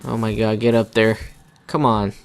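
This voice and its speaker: Low-voiced young man doing game commentary. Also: level tone, normal speed, creaky, faint music behind. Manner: laid-back, colloquial. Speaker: gamer narrating a playthrough.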